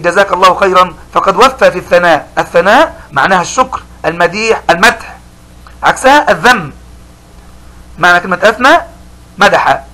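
A middle-aged man teaching a school language lesson, explaining slowly and repeating key words for young pupils. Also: sits high, sharp tone, poor audio.

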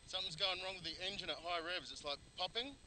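Male rally driver, very sharp fast voice, short casual remarks, faint under engine noise. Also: sits high. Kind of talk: brief casual in-car talk. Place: inside a moving rally car. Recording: faint, distant in-car voice under vehicle noise.

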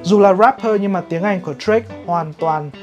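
A woman from Vietnam teaching English pronunciation in a vlog, explaining in a measured way. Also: medium pitch, darkish tone, dull audio. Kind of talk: vlog lesson commentary. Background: guitar music.

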